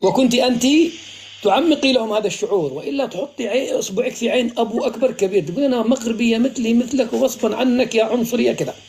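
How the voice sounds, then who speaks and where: A man from Morocco hosting a live stream, speaking in a measured, advising and reassuring way. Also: very high voice, a little mellow. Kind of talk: casual live-stream chat.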